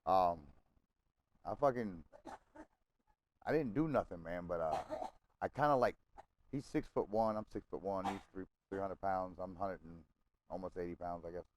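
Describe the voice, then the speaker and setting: Man, lowish voice, casual game-chat storytelling, salty, rambling, checks in with listeners. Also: moderate pace, pauses often, a little hiss or hum, low-quality recording. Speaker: gamer chatting with friends.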